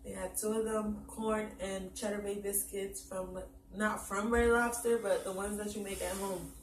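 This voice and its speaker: A woman chatting casually on camera about the meal she cooked, soft-spoken and affectionate. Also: medium pitch, steady tone, normal speed, distant mic, slight background noise. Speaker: vlogger. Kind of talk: casual mukbang chat. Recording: echoey room, voice from off-mic.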